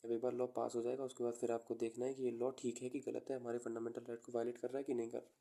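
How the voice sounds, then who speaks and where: Man, coaching lecture, homely examples, very even tone, mellow timbre. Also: mid-range voice, vocal fry. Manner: explains with homely examples, dictates notes slowly word by word. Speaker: exam coaching teacher. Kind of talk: classroom lecture.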